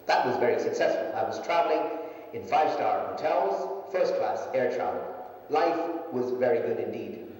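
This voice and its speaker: A man in his fifties, from a Sindhi family and raised in Hong Kong and Japan, recounts his life story in a measured, even telling. His voice comes from a video played back in a big hall and picked up from far away, washed in heavy echo. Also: mid-range voice. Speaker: management consultant giving a testimony. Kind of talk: personal testimony in a video.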